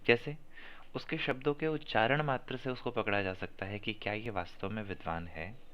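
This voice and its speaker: A man's voice: mid-range voice, smooth. A man teaching a class on chanting, correcting pronunciation by repeating verses and stressing syllables. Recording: muffled lo-fi audio.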